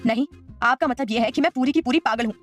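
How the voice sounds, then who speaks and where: A woman voicing a bold, quick-tempered young woman who talks back sassily in an audio drama. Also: on the high side, expressive, faint music behind. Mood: angry. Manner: sassy, challenging.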